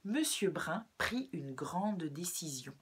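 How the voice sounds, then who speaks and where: Woman, children's story reader, breathy, lively pitch, slow pace. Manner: expressive, gentle storytelling. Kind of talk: storybook read-aloud for children.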